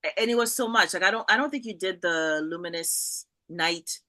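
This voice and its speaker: A woman's voice: on the low side, normal speed, pushed and bright. A woman hosting an interview, chatting casually and responding with enthusiasm and frequent affirmations. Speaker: interview host.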